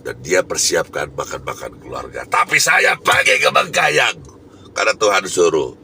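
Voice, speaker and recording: A man's voice: deep voice, sing-song, moderate pace, gravelly, pushed and bright, a little hiss or hum. A man preaching a sermon as an evangelist, telling a personal story emphatically with bursts of raised voice. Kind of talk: sermon testimony.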